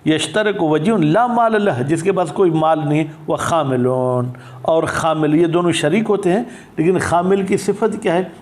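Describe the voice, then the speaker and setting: A man teaching a religious law text, reading Arabic phrases slowly and then explaining them, often asking and answering his own questions. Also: fairly high pitch, darkish tone. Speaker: teacher of Islamic jurisprudence.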